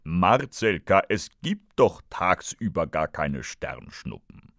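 A man voicing a calm, easygoing male fly who smokes cigars, speaking slowly and unhurried, in a storybook radio play. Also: low voice, gravelly, dry recording, clean studio sound, exaggerated voice.

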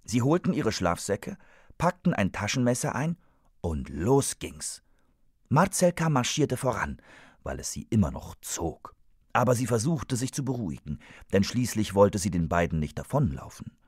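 A man narrating a children's story in an expressive, animated scripted reading. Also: fairly low pitch, normal speed, breathy edge, no room sound, clean studio sound.

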